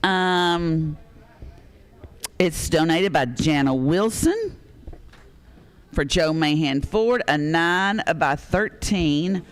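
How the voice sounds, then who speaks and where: A man runs a local charity auction. He reads off bids, donors and items in a folksy, chatty way, often pausing on fillers. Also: a little high, lively intonation, clear, resonant tone. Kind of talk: live charity auction announcing.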